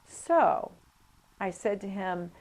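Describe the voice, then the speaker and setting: A woman of medium pitch takes her time as she teaches a coparenting class. She tells her stories with animation, voicing the people in them, and her talk stays lively and full of anecdotes.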